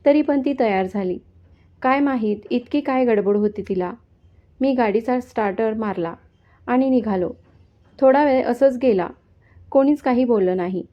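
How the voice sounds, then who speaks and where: A woman narrating a first-person story in a calm, steady reading voice. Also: on the high side, normal speed. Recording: dull lo-fi sound.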